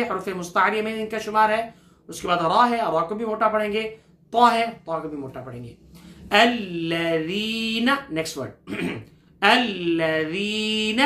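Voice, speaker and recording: A man teaching Quran recitation. He chants each word slowly and draws it out, has the listener repeat after him, then explains briskly and answers his own questions. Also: very high-pitched, sharp tone, echoey room. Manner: patient, asks questions to the listener and answers them himself. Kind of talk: recitation lesson with call-and-repeat.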